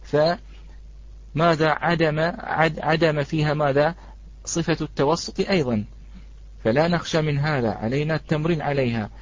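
A man teaching a Quran recitation lesson, patiently repeating his points and slowly reciting examples. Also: on the high side. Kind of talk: online tajweed lesson. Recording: dry, slightly dull.

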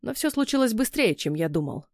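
A woman's voice: on the high side, big pitch swings, fairly quick, no echo, studio quality. Woman voicing a snarling angry young man. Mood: bitter. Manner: snarling, mocking. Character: menacing young male ex-fiancé, angry and bitter. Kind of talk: audiobook character voice.

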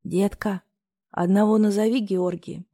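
A woman voicing a flamboyant, brash young man who is protective of his best friend, barking orders in a gruff voice. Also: medium pitch, steady tone, a little slow, mellow, dry recording, clean studio sound. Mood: weak. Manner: gruff, barking orders, later fading weak whisper.

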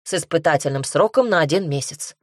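A woman's voice: low-pitched, expressive, fairly quick, dry recording, studio quality. A woman voicing a haughty aristocratic lord and single father who talks in an arrogant, curt and stiffly formal way.

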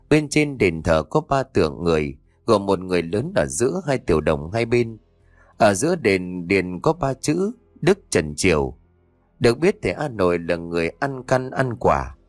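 A man's voice: sits low, dry recording. A man narrating a ghost story for an audiobook in a dramatic storytelling manner. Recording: dry close voice over faint music.

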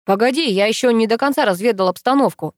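A woman's voice: a little high, fast talker, no echo, clean studio sound, natural voice. A woman reading the part of a teasing young man, the narrator's best friend, in an audiobook, with a playful, mocking manner. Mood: matter-of-fact.

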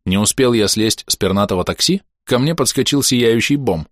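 A man narrating a first-person audiobook in a wry, expressive storytelling manner. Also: medium pitch, moderate pace, no echo, clean studio sound.

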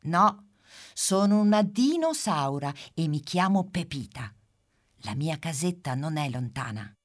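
A woman's voice: sits low, very animated, a little slow. A woman voicing a small, friendly female dinosaur in a storybook, welcoming and homely. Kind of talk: storybook character voice.

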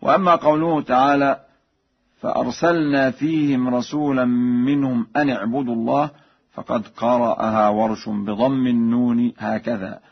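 Husky male recitation teacher from Egypt, formal and measured, dull lo-fi radio sound. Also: mid-range voice, fairly even intonation. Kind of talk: radio lesson on recitation readings.

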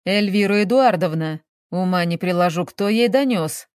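A woman reads a flustered middle-aged businessman who blusters and whines when cornered. The delivery is slow and deliberate. The sound is dry and close, with no room around it. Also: lowish voice, a little mellow, dry recording, natural voice. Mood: exasperated. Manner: agitated, blustering, whining.

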